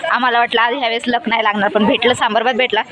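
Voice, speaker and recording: A woman's voice: on the high side, very fast. Chatty woman vlogging outdoors in noise. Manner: chatty, excited, addresses viewers as guys. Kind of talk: casual vlog chatter to viewers. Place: outdoors by a road, in fields and at a temple. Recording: loud crowd and traffic noise outdoors. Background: loud crowd chatter and vehicle noise.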